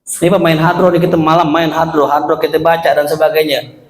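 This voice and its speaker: A man's voice: fairly high pitch, flat delivery, a little fast. A man preaching a joking sermon in a mosque, addressing the congregation directly. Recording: echoey mosque hall.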